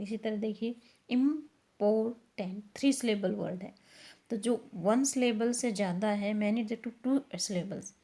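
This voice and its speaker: Woman, slightly high voice, patient teacher, step-by-step grammar explanation. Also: warm tone. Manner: explains step by step, asks and answers her own questions, reads English slowly. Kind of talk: classroom grammar lesson.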